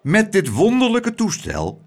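A man's voice: high-pitched, huge pitch swings, measured pace, voice pushed up, full character voice. Pompous male mayor in a storybook reading, announcing with big swooping intonation; the male narrator voices him. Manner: speechifying, announcing to a crowd.

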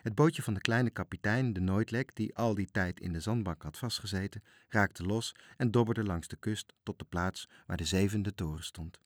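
A man reading a children's story aloud, with lively, expressive narration. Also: lowish voice, normal speed, few pauses.

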